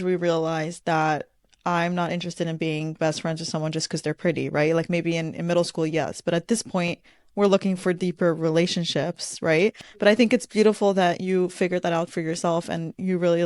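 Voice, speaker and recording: A woman's voice: lowish voice, fairly even intonation, normal speed, no echo, clean studio sound. A woman in her late twenties hosting a podcast, encouraging and asking follow-up questions. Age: 20s. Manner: encouraging, frequent backchannels. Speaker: podcast host. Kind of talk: casual interview chat.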